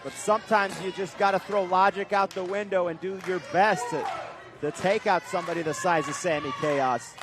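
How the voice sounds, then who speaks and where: High-voiced male wrestling commentator over crowd noise. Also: moderate pace, over music. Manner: excitable, exclaiming at big moves. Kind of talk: live wrestling play-by-play and colour commentary. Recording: loud crowd noise, live event venue. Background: crowd and event noise.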